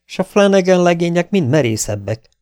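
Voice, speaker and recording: A man's voice: sits high, very animated, a little mellow, no echo, studio quality, pitched above the performer's own voice. A man voicing a proud, self-assured young male rancher in an audiobook. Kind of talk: audiobook dialogue.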